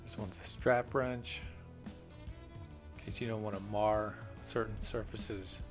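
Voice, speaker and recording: Music plays under a plumbing contractor's slow, steady voice, fairly low in pitch, as he walks through his tools off camera. He talks plainly and unhurriedly, leaning on lots of "uh" fillers.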